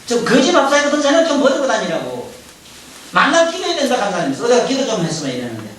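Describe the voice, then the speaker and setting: A high-pitched man with a delivers a Buddhist dharma talk, firing rhetorical questions at his listeners. He is recorded from far off in a very echoey hall, with faint hiss underneath. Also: quick pace. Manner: animated, rhetorical questions, addresses listeners directly. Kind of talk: Buddhist sermon lecture.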